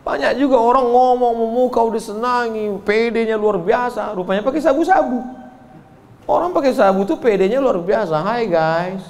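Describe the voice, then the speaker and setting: A man's voice: extremely high pitch, moderate pace. A man preaching a sermon, telling stories and acting out the voices of the people in them. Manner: animated storytelling, acting out quoted voices.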